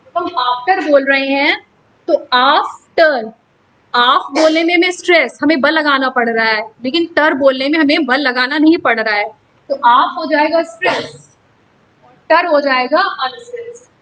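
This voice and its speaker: A woman's voice: sits high, moderate pace, a bit bright, low-quality recording. A woman teaching in a classroom lecture style, explaining step by step and mixing English terms into her talk.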